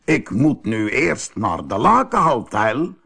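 A man's voice: mid-range voice, big pitch swings, slow pace, gravelly, sharp tone, breathy edge, heavily acted. A man voicing a friendly, well-to-do cloth merchant in a storybook.

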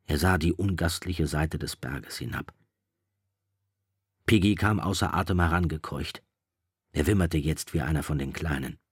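A man narrating a novel in a measured, steady storytelling voice. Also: very deep voice, breathy edge, no room sound, studio quality.

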